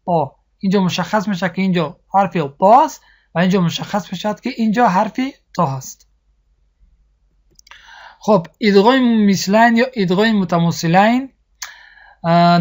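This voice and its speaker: Teacher, recorded recitation lesson, patient, repetitive, checks understanding. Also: mid-range voice. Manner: patient, repeats each point and asks if students understood; slows down to model recited sounds.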